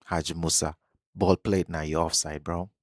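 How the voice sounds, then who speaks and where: A man's voice: low voice, measured pace, no echo, studio quality. A man from Kenya, hosting a live football watch-along and chatting casually while he reacts to the match. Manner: relaxed, musing, reacts to the match. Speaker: live stream host.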